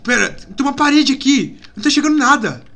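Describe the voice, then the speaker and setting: Jumpy bright-voiced Brazilian woman gamer. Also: high-pitched, big pitch swings, fairly quick, gravelly. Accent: Brazilian Portuguese. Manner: jumpy, easily scared, exclaims and shrieks often. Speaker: gaming YouTuber. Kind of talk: horror game let's-play commentary.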